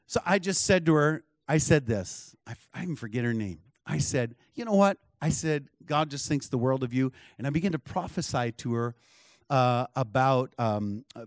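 A man preaching a sermon, telling a story with lively acted-out dialogue and frequent chuckles. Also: mid-range voice, no room sound, clean studio sound. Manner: animated, acts out dialogue, chuckles often. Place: church.

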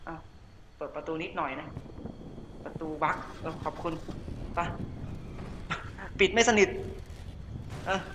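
A man's voice: on the high side, slow, pauses often, noisy background. A man chatting casually as he plays a game, rambling and correcting himself mid-sentence. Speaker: gaming streamer. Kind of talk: casual gameplay commentary.

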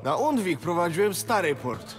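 An earthy, middle-aged fantasy-game innkeeper. The voice is slightly high and hearty, chatting in a folksy way over clear background music. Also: male voice, big pitch swings, normal speed. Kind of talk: fantasy video game voice acting.

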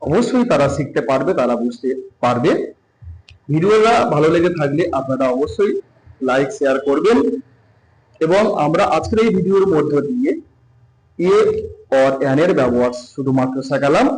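A man teaching a grammar lesson, reading English rules slowly and then explaining them with rising emphasis. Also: fairly high pitch, a little mellow. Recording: echoey room.

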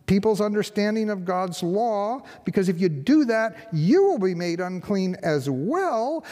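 Older guy pastor giving a sermon, slow and chatty, voice bouncing around a big church hall. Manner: conversational, rhetorical questions, lively pitch swings. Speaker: interim pastor. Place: large church sanctuary, behind a lectern. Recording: long hall reverb in church.

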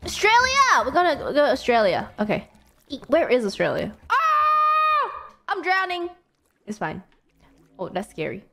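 A woman's voice: very high-pitched, wildly swooping pitch, unhurried, bright, forceful tone. A playful woman giving casual, exclaiming commentary as she streams a game. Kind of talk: casual gameplay livestream commentary. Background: faint music.

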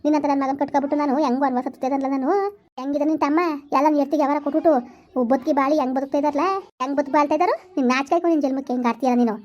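A woman playing a sharp-tongued village wife who scolds her husband in a rapid, furious rush, in a comedy skit. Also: sits high, fairly even intonation, natural voice. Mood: scolding. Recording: muffled lo-fi sound.

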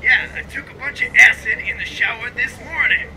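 A man talking over a phone speakerphone, joking and teasing in a deadpan way. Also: very high-pitched, a little fast. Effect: heard over a phone speakerphone. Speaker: boyfriend on the phone. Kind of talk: casual phone banter.

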